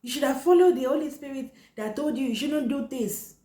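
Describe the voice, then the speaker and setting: A woman voicing a furious, scolding middle-aged mother who shouts insults and repeats herself. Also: high voice, fairly quick, pitched above the performer's own voice, lightly acted. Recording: roomy echo.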